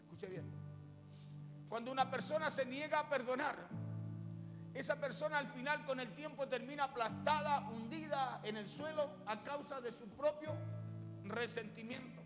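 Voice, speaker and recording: A man's voice: extremely high pitch, normal speed. A male pastor telling a fable in his sermon, often speaking straight to his listeners. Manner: storytelling, addressing the congregation directly. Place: church. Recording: echoey hall with music.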